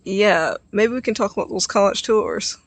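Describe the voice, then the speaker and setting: A man's voice: high voice, sing-song, moderate pace, vocal fry, no room sound, full character voice. A man voicing an irritable teenage boy who talks curtly and dryly in a storybook reading. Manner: curt and dry, snapping when annoyed. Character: moody, irritable teen boy about to graduate.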